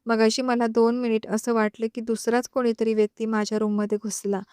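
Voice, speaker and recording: A woman reading as a cheeky young wife in an audio story, teasing and chatty as she talks back to her husband. Her voice is smooth and clear and sits a little high, recorded dry and close. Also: level tone, fairly quick, a little mellow, no echo, natural voice.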